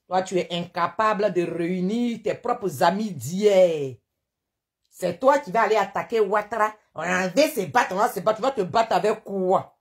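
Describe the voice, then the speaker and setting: A woman's voice: mid-range voice, a little slow. A woman with an Ivorian French accent hosts a live stream, scolding indignantly and hammering the same rhetorical questions. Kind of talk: live-stream political rant.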